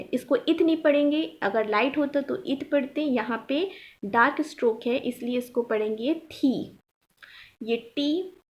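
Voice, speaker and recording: A woman teaching shorthand step by step, patiently repeating each point and checking that her students follow. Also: on the high side. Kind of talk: step-by-step tutorial explanation.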